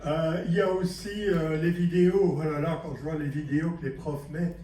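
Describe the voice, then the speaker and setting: A man's voice: fairly high pitch, steady tone, normal speed, dark tone. A man from Belgium giving a conference lecture to teachers, chatty and self-mocking, often asking the audience questions. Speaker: conference speaker. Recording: echoey hall, distant mic, faint noise.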